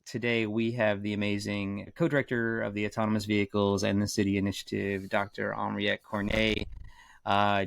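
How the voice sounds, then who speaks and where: Male podcast host, low voice, rambling casual questions, dry close mic. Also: gravelly, no room sound. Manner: loose, rambling questions with repeated words. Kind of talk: scripted podcast intro, then casual interview questions.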